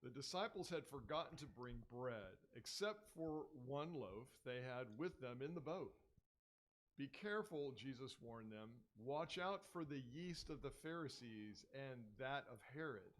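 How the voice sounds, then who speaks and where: Class reader: a man at a middle pitch, reading scripture with expressive inflection on the quotes.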